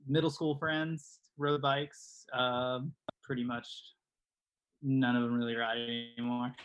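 A man's voice: mid-range voice, level tone, slow, a bit bright, clean tone, rough recording. A man in his thirties from California, chatting casually as a podcast guest in a laid-back, hesitant way. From California, United States. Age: 30s. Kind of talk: casual chat. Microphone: online video call at home.

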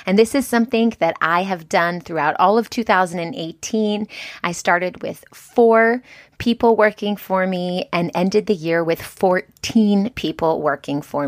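A woman's voice: fairly low pitch, no room sound, clean studio sound. A woman hosting an advice podcast, speaking in an upbeat, tidy, step-by-step way like a coach. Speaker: podcast host and business coach.

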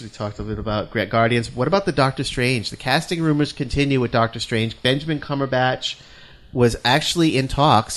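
A man with a New England accent hosting a casual podcast, running through news items for his co-hosts. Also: medium pitch. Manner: runs the segments, reads out news items. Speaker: podcast host. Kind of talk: casual panel chat.

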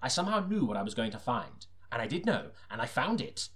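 A man reads scripted first-person detective narration for an audiobook, delivering it deadpan and self-serious like a noir parody. His voice is mid-range and his pace quick.

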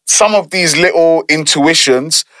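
A man's voice: on the high side, measured pace, bright, forceful tone, no room sound. A man with a London accent in a casual discussion, speaking earnestly like a pastor giving friendly advice, with British slang.

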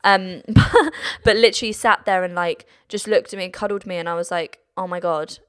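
Young woman, british, lowish voice, casual podcast chat, emotional, animated quoting. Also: fairly quick. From United Kingdom. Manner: chatty, emotional, quotes family in lively voices. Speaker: guest.

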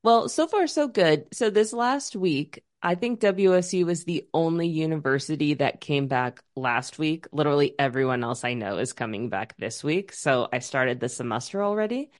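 A woman with a low voice co-hosts a podcast, speaking in a relaxed, rambling way full of restarts. She sounds like someone catching up with a friend. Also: moderate pace, hardly any pauses. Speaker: podcast co-host; music teacher at a university. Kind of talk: casual chat.

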